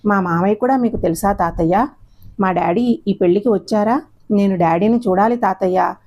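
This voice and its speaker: A woman's voice: mid-range voice, normal speed, a little mellow, close to an everyday voice. A woman voicing a tearful young daughter who pleads plaintively. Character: young adult daughter, tearful and longing for her father.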